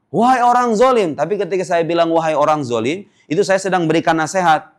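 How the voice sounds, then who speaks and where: A man teaching Arabic grammar in a classroom lecture. He explains step by step, checks whether his students follow, and chants the example words slowly. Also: fairly high pitch. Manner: explains step by step, asking "paham nggak?".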